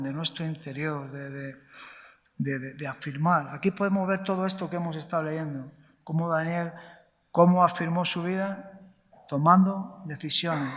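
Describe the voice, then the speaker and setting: A man's voice: fairly high pitch, a bit bright. A man preaching a sermon, asking the congregation questions and answering them himself, often adding short tag questions. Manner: frequent tag questions, slow deliberate emphasis. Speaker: pastor. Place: church hall. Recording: long reverb of a church hall.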